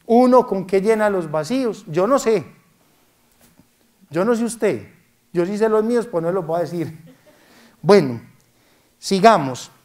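A man's voice: high-pitched, animated, measured pace, long pauses, a little mellow. A man giving a humorous sermon as a priest, playfully mimicking complaining parishioners.

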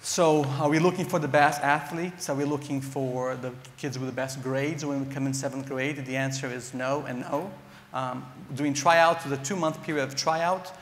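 Through a lapel mic in a large, echoey conference hall, a Brazilian-accented panelist in his thirties, who directs a nonprofit, speaks earnestly from the stage. His medium-pitched voice keeps a steady tone at normal speed, often broken by ums and restarts, with slight background noise.

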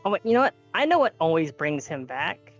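A woman's voice: low-pitched, big pitch swings, fairly quick, highs cut off. A woman chatting casually as a player in a tabletop game, playful and exclamatory. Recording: music behind the voice.

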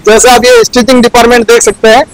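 Young guy with a high voice walking folks through a factory, keeps repeating stuff, lapel mic. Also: very animated, quick pace, vocal fry, rough recording. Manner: plain, repetitive explaining. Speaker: factory guide. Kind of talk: explaining a factory tour. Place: large indoor garment factory floor.

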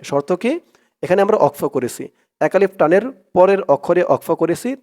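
A man with a Bangladeshi Bengali accent teaching Quran reading, spelling out letters and vowel marks one by one, then reciting each phrase slowly with long drawn-out vowels. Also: a little high, darkish tone. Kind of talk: step-by-step Arabic reading lesson.

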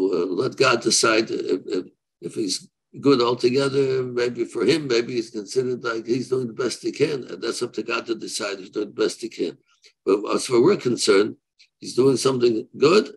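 An elderly man with a creaky, gravelly voice speaks as a rabbi in an unscripted religious discussion. His delivery is husky and halting, often circling back to rephrase as he weighs things up. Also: medium pitch, rough recording. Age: 70s. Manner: halting, repeats and rephrases, weighing both sides. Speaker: rabbi answering questions. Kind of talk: unscripted religious question-and-answer. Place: room, seated on a video call. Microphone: video call microphone.

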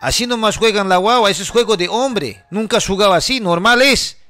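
A man's voice: high-pitched, brisk, pushed and bright, faint music behind, pitched above the performer's own voice. A man voicing an arrogant male workshop owner in a brusque, dismissive way.

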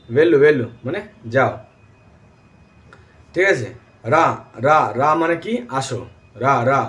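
A man teaching a language lesson in a casual, friendly way. His voice sits a little high for a man. He says each new word several times and often checks in with his viewers. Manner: repeats words and keeps checking with "all right?".

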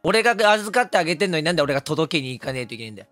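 A hoarse man, talking casually on stream, excitable and quick to laugh or yell. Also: fairly high pitch, no room sound, faint music behind. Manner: excitable, switches between laughing and yelling. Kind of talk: casual stream talk reacting to comments.

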